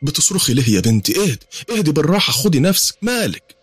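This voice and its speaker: A worried, soothing mother from a horror story, voiced by a male narrator. She speaks higher and husky with an Egyptian accent. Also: big pitch swings, rapid-fire, dry recording. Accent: Egyptian Arabic. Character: worried caring mother, middle-aged woman.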